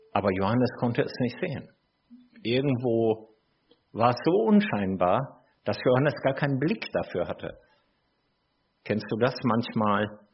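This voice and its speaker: A middle-aged man preaches a sermon at an unhurried pace, his voice somewhat husky and low. He turns aside to address his listeners in a reflective, conversational way. The recording sounds dull and lo-fi.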